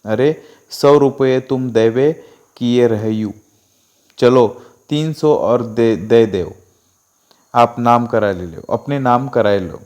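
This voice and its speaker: A man's voice: mid-range voice, slow, pauses often, a little mellow, close to an everyday voice. A man reading the part of a scheming, bossy older aunt who talks in rustic dialect. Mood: coaxing.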